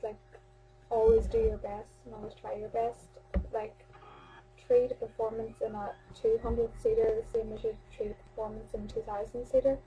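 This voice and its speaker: A woman's voice: a little high, dark tone, slight background noise, poor audio. A young Irish woman in her teens chatting casually to a webcam about amateur theatre, rambling, with many fillers and restarts. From Ireland. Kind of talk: casual vlog chat.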